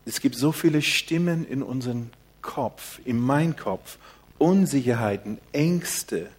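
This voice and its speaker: An older man preaching a sermon in a quiet, soft-spoken manner. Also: medium pitch, animated, a little slow, breathy edge.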